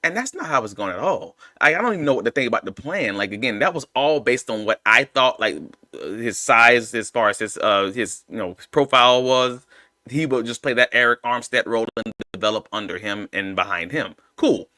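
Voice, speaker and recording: A man's voice: mid-range voice, animated, a little fast, sharp tone, dry recording, studio quality. A young man co-hosting a casual sports podcast, ranting animatedly and arguing back and forth with himself. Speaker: podcast co-host.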